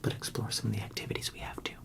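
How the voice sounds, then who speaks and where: A man doing a whispered role-play as a friendly librarian, in a soft library whisper, talking gently and chattily to the listener. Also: very fast. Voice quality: soft, breathy library whisper with gravelly edges. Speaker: ASMR performer playing a friendly librarian.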